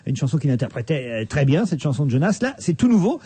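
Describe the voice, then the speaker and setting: Radio host guy, bit high, mellow, lively, fires off questions at the table. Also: slightly rough. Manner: lively, leads the talk with quick questions. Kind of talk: radio talk show chat. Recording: radio broadcast studio.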